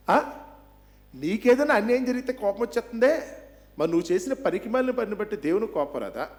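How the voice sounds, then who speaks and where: A man preaching a Bible seminar sermon, pressing his listeners with one rhetorical question after another. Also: high voice.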